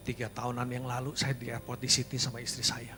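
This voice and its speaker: A male pastor preaching a sermon at a church service. He tells personal stories, then builds to loud, emphatic exhortation, slipping English phrases into his preaching. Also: mid-range voice, monotone, fast talker, over music.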